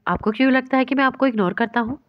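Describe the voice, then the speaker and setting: A tender young man murmurs affectionately down the phone, as a woman reads him aloud in a storybook reading. His coaxing voice sits a little higher than a man's. The sound is dry and slightly dull. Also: dry recording, natural voice.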